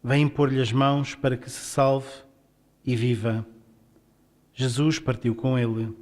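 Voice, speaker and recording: Portuguese man reading the gospel out loud, real slow and careful. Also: mid-range voice, flat delivery. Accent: European Portuguese. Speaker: scripture reader.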